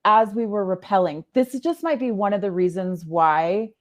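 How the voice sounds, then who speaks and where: A woman, a podcast guest, telling a personal story in earnest, often stopping to find the right words. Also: mid-range voice. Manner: earnest, halting, often stops to rephrase.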